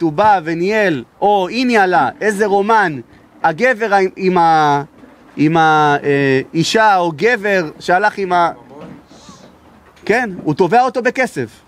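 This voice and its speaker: Rabbi giving a lesson, high pitch, emphatic and loud at times. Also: male voice, long pauses. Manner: raises his voice to be heard, emphatic. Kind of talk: sermon with storytelling.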